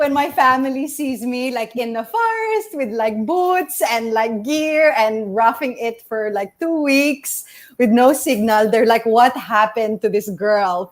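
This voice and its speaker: A woman from Australia, a guest conservationist, talking casually over a video call, laughing often and filling her talk with "like". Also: high voice. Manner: chatty, laughs often, many "like" fillers. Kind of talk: casual chat.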